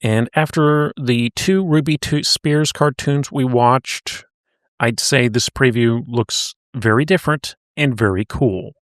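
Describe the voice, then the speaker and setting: A man co-hosting a casual podcast, walking a listener through old cartoons in an easygoing storytelling way. His voice sits at an ordinary middle pitch. The recording is dry, with little room sound. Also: slow, no echo. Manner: recapping in a conversational storytelling way. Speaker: podcast co-host.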